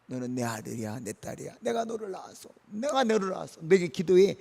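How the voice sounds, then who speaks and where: A man's voice: sits high, very animated, brisk, vocal fry, a little mellow, breathy edge, in a large hall, pitched above the performer's own voice, exaggerated voice. A male pastor voicing God as a doting, protective father who scolds troublemakers and reassures his children. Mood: tender. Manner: fond, chiding, colloquial.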